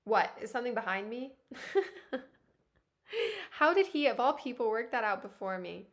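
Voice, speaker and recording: A woman's voice: on the high side, lively intonation, normal speed, fairly bright tone. A woman streaming live, reading a webtoon aloud and reacting with lots of giggles.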